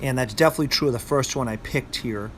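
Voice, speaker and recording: A man with a Boston accent presents and recites poetry as a poet would for listeners. His voice sits at a middle pitch. There is faint vehicle-like noise behind him. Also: fast talker. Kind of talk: talk introducing and reciting poetry aloud.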